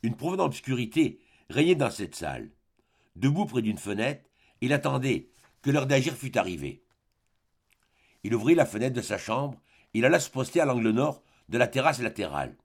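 Gravelly male narrator, mid-pitched, measured dramatic audiobook reading. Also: very animated.

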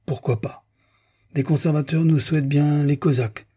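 A man's voice: fairly high pitch, fairly even intonation, normal speed, warm tone, husky, pitched above the performer's own voice. A man voicing a distraught, earnest young male idealist who pleads in a plaintive, doleful way. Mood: indignant.

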